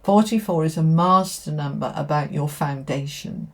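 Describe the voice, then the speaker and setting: A woman's voice: deep voice, normal speed. A woman giving a tarot reading straight to viewers, speaking in an emphatic, affirming way and repeating key phrases. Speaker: tarot reader.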